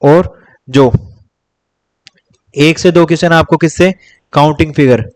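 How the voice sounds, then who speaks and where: A young man coaching students for a teaching exam in an easygoing lecture. His voice sits a touch high for a man. He repeats himself, counts off topics one by one and calls his viewers "bhai". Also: unhurried. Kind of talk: casual Hindi-English exam coaching lecture.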